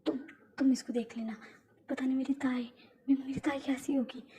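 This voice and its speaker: A woman's voice: high voice, steady tone, normal speed, dark tone, slight background noise, lightly acted. A woman voicing a hot-tempered young male mafia boss in a fan audio drama, talking emotionally with repeated stammers. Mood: shaken.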